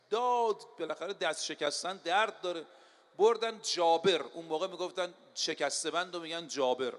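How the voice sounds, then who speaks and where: A man delivers a sermon in a high, carrying voice. He talks directly to his listeners and quotes scripture in Arabic with emphasis. His voice trails off into the long reverb of a large hall. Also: fairly bright tone. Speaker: preacher.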